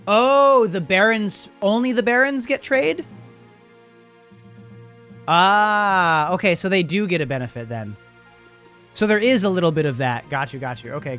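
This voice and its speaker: A man giving casual, animated playthrough commentary, thinking aloud as he plays and reads out game text. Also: sits high, moderate pace, pauses often, faint music behind.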